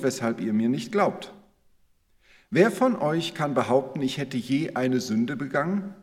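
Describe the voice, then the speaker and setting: Jesus as an earnest, steady male teacher, read by a preacher, his voice moving with a lively melody and carried on the long reverb of a church hall. The delivery is measured and unhurried, a reading of scripture. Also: mid-range voice.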